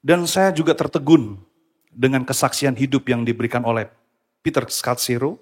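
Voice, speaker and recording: A man preaching a sermon to a church congregation, animated and often slipping English phrases into his talk. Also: mid-range voice, normal speed, breathy edge. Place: church hall.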